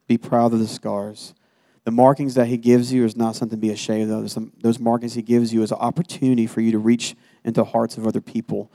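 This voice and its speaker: A guest preacher delivers a sermon as personal testimony, earnest and exhorting. His voice is medium-pitched and mellow.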